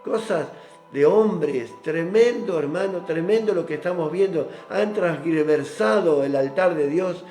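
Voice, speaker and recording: A man preaching a devotional sermon, reading scripture slowly and stressing points to the brethren. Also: on the high side, darkish tone. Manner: reads scripture slowly, drawn out, with emphatic asides to the brethren. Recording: roomy echo with faint instrumental music. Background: faint instrumental music.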